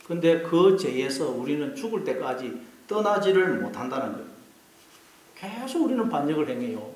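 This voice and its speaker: A man's voice: a little high, roomy sound, low-quality recording. A male pastor preaching an earnest sermon, repeating key phrases for emphasis. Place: church.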